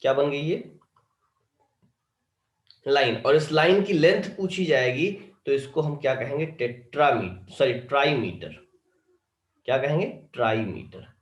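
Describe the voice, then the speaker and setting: A man's voice: medium pitch, expressive, unhurried, long pauses, echoey room. A male teacher, giving an online lecture and often checking whether students have understood. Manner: keeps asking students if they understood.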